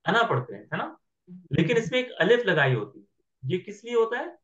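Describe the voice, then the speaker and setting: A man's voice: high-pitched, big pitch swings, fairly quick, fairly bright tone, dull audio. A man teaching Arabic grammar in an online class, patiently asking his students whether they follow. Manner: patient, checks understanding with questions.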